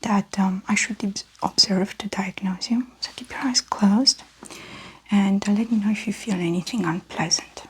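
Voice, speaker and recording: Whispered role-play, woman as calm doctor. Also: medium pitch, moderate pace, slightly rough, poor audio. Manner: soft, gentle ASMR delivery. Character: calm doctor giving a physical exam. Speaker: ASMR performer playing a doctor.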